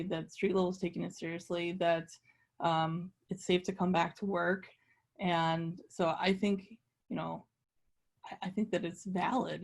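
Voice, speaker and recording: A woman's voice: lowish voice, gravelly, darkish tone. A woman who owns a business answering questions on a webinar panel over a video call, thoughtful and hedging. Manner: thoughtful, hedging with "you know". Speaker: business owner.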